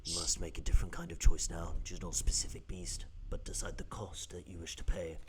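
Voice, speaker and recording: A man voicing a mysterious game master, narrating in a measured, ominous way and sometimes dropping to a whisper. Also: sits low, little pitch movement, noisy background, close to an everyday voice.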